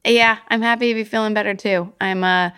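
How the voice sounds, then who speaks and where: A woman co-hosting a podcast in casual chat, chatty and quick to laugh, often restarting her sentences. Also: mid-range voice, fairly even intonation, sharp tone, smooth. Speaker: podcast co-host.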